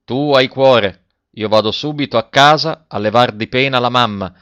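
A man's voice: medium pitch, normal speed, fairly bright tone, clear, resonant tone, lightly acted. A man voicing a tender peasant father. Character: grateful middle-aged peasant father, tender. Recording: dry, dull lo-fi recording.

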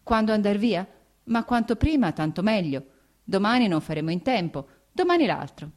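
A woman's voice: mid-range voice, big pitch swings, normal speed, darkish tone, voice pushed up, close to an everyday voice. A woman reading the lines of a passionate, jealous noblewoman in an audiobook, in a heated, raised and pleading delivery. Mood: reproachful.

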